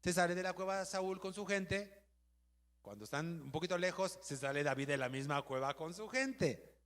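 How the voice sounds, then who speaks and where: A man with a Mexican accent, a pastor giving a lively sermon and asking the congregation questions. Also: high voice, moderate pace. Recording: long hall reverb.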